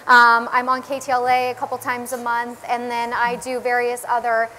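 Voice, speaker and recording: A woman's voice: a little high, completely flat delivery, moderate pace, sharp tone, a little hiss or hum, low-quality recording. A woman in her thirties, a style blogger and TV style expert, talking chattily and with enthusiasm on a panel at an event. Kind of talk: panel discussion. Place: event hall.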